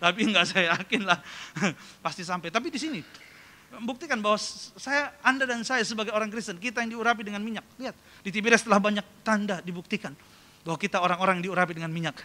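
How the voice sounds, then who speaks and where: A man preaching a sermon to his congregation, telling funny anecdotes in a lively, jokey way and often addressing them directly. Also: high-pitched, fast talker. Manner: jokey storytelling, calls congregation "saudara". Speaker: pastor. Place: large church hall. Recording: long reverb of a church hall.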